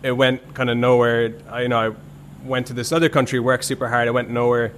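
A man in his thirties from Ireland, medium-pitched and fast-talking, chats easily as a podcast guest, casually telling stories. His relaxed talk rambles, packed with "like" and small restarts, over a faint hiss.

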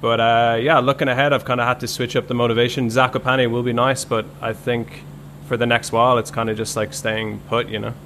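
A man, a podcast guest telling his story in a relaxed, rambling way with many fillers. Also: mid-range voice, brisk, slight background noise. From Ireland. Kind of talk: casual conversational storytelling.

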